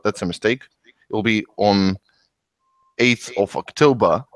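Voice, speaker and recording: A lowish male voice hosts a casual podcast. He pauses and stumbles through his plugs and questions with frequent fillers. The sound is close and dry, with no room behind him. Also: no room sound. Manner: halting, many fillers and restarts. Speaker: podcast host. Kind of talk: casual podcast chat and announcements.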